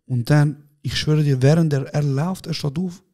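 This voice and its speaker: A man's voice: on the high side, steady tone, moderate pace, mellow. A man co-hosting a casual podcast chat, telling funny stories in slangy street talk and acting out what people said. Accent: Swiss German. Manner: slangy storytelling, acts out quotes, laughs a lot. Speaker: podcast co-host.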